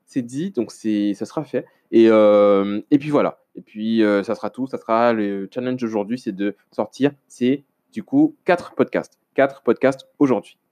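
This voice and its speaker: Guy doing a solo podcast, rambly and hesitant, keeps restarting, mellow warm tone. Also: lowish voice, a little slow, hardly any pauses. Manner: rambling, hesitant, many restarts and self-deprecating asides. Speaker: podcast host. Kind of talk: casual solo podcast monologue.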